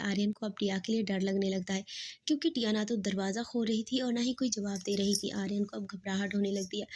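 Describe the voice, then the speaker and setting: A woman storyteller giving scripted narration of a romance in an even, steady way. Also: medium pitch.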